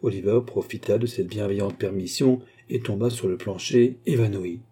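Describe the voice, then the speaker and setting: A man reading a novel aloud in measured audiobook narration. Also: on the low side, fairly even intonation, warm tone, slightly rough. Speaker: reader.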